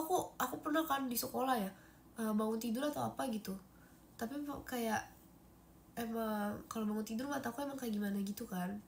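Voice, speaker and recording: Young woman w a cold chatting on her phone stream, high pitched n chatty. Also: a little hiss or hum. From Indonesia. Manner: chatty and animated, frequent fillers. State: stuffy from a cold. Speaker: idol livestreamer. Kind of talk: casual livestream chat, thanking viewers for gifts.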